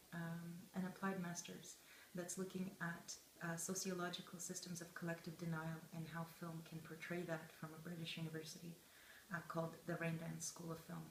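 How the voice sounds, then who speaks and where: A young woman, giving thoughtful, deliberate interview answers with pauses mid-phrase. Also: fairly low pitch, little pitch movement. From Israel, of Russian immigrant background. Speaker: interviewed journalist and film student. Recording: echoey room with faint background noise.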